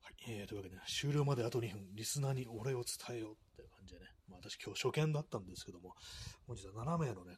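A man's voice: lowish voice, a little hiss or hum. A man hosting a casual solo live stream, rambling and self-mocking, with many fillers. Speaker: live-stream radio host.

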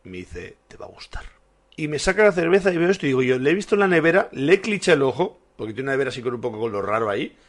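A man's voice: medium pitch, very animated, very fast. A man, co-hosting a casual beer-tasting podcast, telling jokey stories and swearing freely. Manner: joking storyteller, swears freely. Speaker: podcast co-host.

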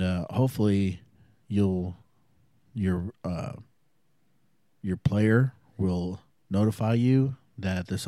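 A low, warm-toned man talks loosely into his mic from a small home studio, his voice slightly thick and congested. He rambles through his solo podcast with plenty of ums and the occasional curse, and the sound is dry and close. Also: dry recording. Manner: rambling, loose and profane, many fillers. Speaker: podcast host. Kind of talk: casual solo podcast monologue.

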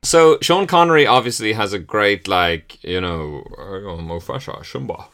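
A man's voice: on the low side, animated, measured pace, vocal fry, fairly bright tone. A man co-hosting a comedy podcast, chatting hesitantly with many fillers. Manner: hesitant, fillers, playful impressions. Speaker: podcast co-host. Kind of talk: casual comedic chat.

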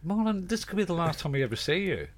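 A man's voice: high voice, sing-song, quick pace. A man hosting a podcast, teasing his guests with dry jokes. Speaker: podcast host. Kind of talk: casual banter.

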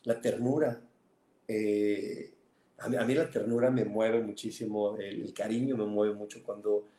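Male podcast host, warm relaxed tone, earnest self-help talk, roomy echo. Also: on the low side, unhurried. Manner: earnest, stacks repeated words for emphasis.

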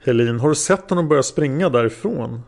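A man's voice: mid-range voice, expressive, vocal fry, a little mellow. A man voicing a male prosecutor who questions a witness step by step, in a methodical way. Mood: probing.

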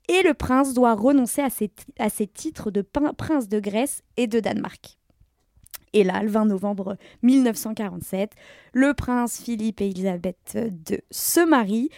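A woman telling a story as a columnist in a casual podcast chat, lively and laughing as she goes. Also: fairly high pitch, no room sound, studio quality.

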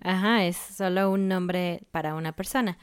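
Smooth low-voiced Mexican woman teaching slang. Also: fairly even intonation, moderate pace. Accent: Mexican Spanish. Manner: patient, explanatory, laughs often. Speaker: Spanish teacher. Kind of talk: explaining slang in a casual lesson.

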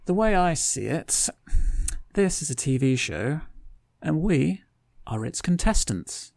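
A man voicing a frizzy-haired young contestant who talks in a high, rather feminine voice. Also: very animated, slow pace, creaky, a little mellow, no room sound, studio quality, heavily acted. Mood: deadpan.

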